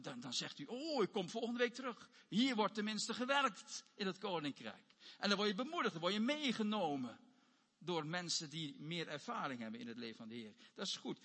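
A man preaching a sermon, animated, swinging between loud exclaiming and quiet asides and acting out quotes. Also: high voice, slightly rough. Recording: long hall reverb.

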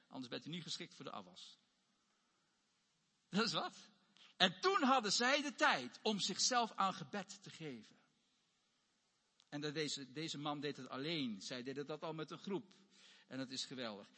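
A man preaching a sermon, animated, swinging between loud exclaiming and quiet asides and acting out quotes. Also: sits high, breathy edge. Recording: long hall reverb.

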